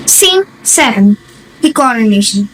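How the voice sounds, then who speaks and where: A woman narrates a stage play from a script. She has a high voice and an unhurried, slow delivery, with faint noise behind. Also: big pitch swings, poor audio.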